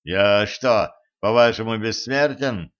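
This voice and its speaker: A haughty old sorcerer speaks with wounded pride and a sharp tongue, voiced by a male reader. His lines come at a slow, measured pace. The recording is a little dull and lo-fi. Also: mid-range voice, expressive. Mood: indignant. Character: sly old male sorcerer, proud and prickly.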